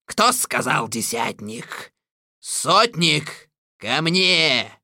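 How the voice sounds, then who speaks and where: A man voicing a gleeful, domineering immortal sorcerer who barks loud, imperious commands in a storybook reading. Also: a little high, big pitch swings, drawn-out words, no room sound, studio quality, voice pushed up, exaggerated voice. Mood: commanding.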